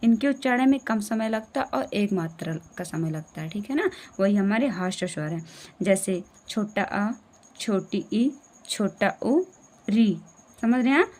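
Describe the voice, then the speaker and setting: A woman's voice: medium pitch, animated, normal speed, darkish tone. A woman teaching a classroom lesson, explaining step by step, asking questions back and checking understanding again and again.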